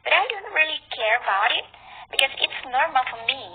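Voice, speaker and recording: A woman with an Indonesian accent speaks in a high, very animated voice at a fairly quick pace. As a discussion participant, she shares an upbeat, earnest opinion in a prepared phone voice message. The audio sounds phone-like, with clearly audible noise.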